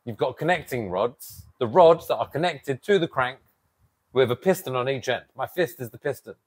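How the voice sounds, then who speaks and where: A man's voice: mid-range voice, normal speed, breathy edge. Man explaining a motorbike outdoors. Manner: animated, explains with hand gestures. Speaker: custom motorcycle builder. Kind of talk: casual show-and-tell. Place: outdoors by a garage door. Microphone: lapel mic.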